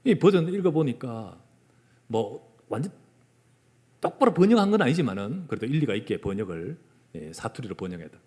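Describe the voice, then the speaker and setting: A male pastor with a Gyeongsang Korean accent preaching a sermon in a church, moving between loud emphasis and hushed whispers. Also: mid-range voice, big pitch swings, brisk. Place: church sanctuary. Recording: long church hall reverb.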